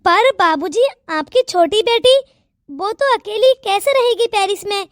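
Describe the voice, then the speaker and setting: A woman's voice: very high-pitched, measured pace, no echo, clean studio sound. A woman voicing a loyal, eager young male servant in a cartoon, speaking respectfully and eager to please.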